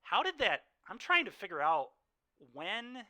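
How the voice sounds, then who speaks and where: A man's voice: high voice, huge pitch swings, a little slow, sharp tone. A young man streaming a card game, venting his frustration and sighing between remarks to chat.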